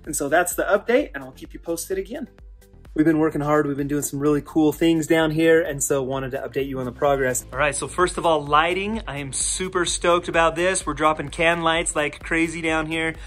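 A man's voice: on the high side, brisk, a bit bright. A man in his thirties, a physical therapist hosting a casual home-renovation vlog, talking upbeat and enthusiastic to his viewers from an unfinished basement on a handheld camera. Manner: upbeat and enthusiastic, keeps addressing the viewers as "you guys". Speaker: physical therapist and fitness channel host. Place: unfinished basement under construction, indoors. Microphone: camera mic, often handheld at arm's length. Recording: echoey bare room with faint background music.

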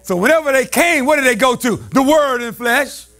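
A male pastor preaching a call-and-response sermon, shouting and slipping into a sing-song cadence. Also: very high-pitched, expressive, normal speed, faint music behind.

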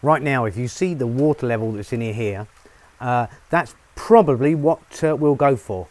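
Casting: middle-aged bloke, lapel mic, upbeat farm vlogger, faint outdoor ambience. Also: male voice, mid-range voice, normal speed, a little mellow, a little hiss or hum. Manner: chatty, upbeat, many fillers. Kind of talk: casual vlog narration to camera. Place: outdoors on a rural farm, rainy.

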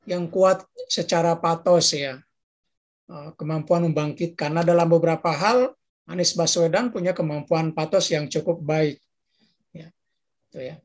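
Chatty lecturer who hesitates and asks back. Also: mid-range voice. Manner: conversational, frequent tag questions and pauses to search for words. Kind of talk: informal lecture discussion.

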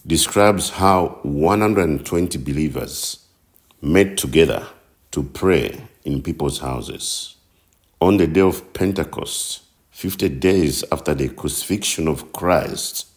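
A man giving scripted narration for a Bible teaching slideshow, reading slowly and carefully, with chapter and verse citations. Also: very deep voice. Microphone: voice-over.

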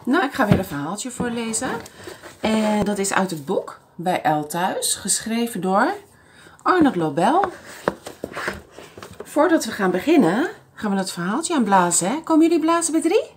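A woman librarian reading a picture book aloud to toddlers in an animated, sing-song way. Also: medium pitch, unhurried, pauses often, a little hiss or hum. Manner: animated, sing-song, speaks to small children.

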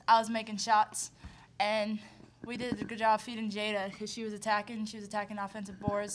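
Young woman player at a presser, even flat voice, short answers with lots of um. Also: mid-range voice, slight background noise. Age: young adult. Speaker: college basketball player. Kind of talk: post-game press conference answers. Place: press conference room. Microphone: table mic on stand.

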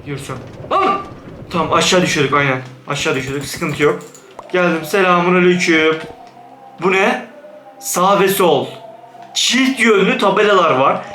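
A young man giving let's-play commentary on a horror game, jumpy, yelping in fright, then talking himself calm. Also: high-pitched, normal speed, echoey room, faint music behind. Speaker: gaming YouTuber.

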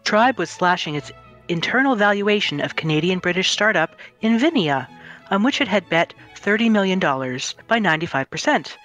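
A woman's voice: mid-range voice, animated, moderate pace, fairly bright tone, soft background music. A woman on a podcast panel reading a news article aloud in a put-on newscaster voice.

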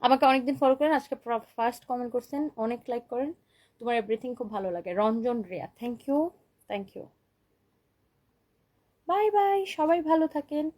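High-voiced woman selling dresses live. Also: expressive, brisk, pauses often, a little mellow, poor audio. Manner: chatty, keeps asking "okay?", mixes English words into Bengali. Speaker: online boutique owner selling dresses live. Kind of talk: live-stream sales pitch, reading viewer comments.

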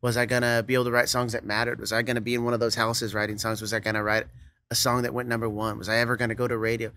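A young Kansas songwriter and producer, guesting on a casual interview on a studio set with a brick wall and couch, speaks in a bright, crisp voice at a rapid-fire pace with a level tone. He's easygoing and loose, laughs often, and lets sentences trail off into "you know." A close boom-arm studio mic keeps the sound dry, with no room sound or echo.

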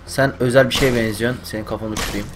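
Excitable young man streaming a game. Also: mid-range voice, fast, noisy background. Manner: excitable, swears, yells at the game. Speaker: gaming streamer. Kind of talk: live game commentary.

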